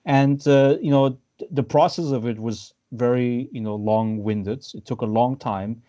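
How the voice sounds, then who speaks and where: A man from Austria hosts a casual political discussion over a video call. His voice is mellow and dark, and the audio is dull and lo-fi. He hesitates often, fills gaps and restarts his sentences. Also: medium pitch, unhurried. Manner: hesitant, many fillers and restarts. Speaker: podcast host.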